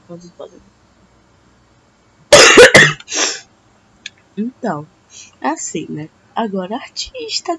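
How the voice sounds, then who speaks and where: A Brazilian teenager with a Brazilian Portuguese accent and a cold-roughened, hoarse voice hesitantly chats her way through a home drawing tutorial, addressing viewers as "gente". Her voice is mid-range and a bit bright, and the casual screen recording comes through a dull lo-fi mic with faint hiss.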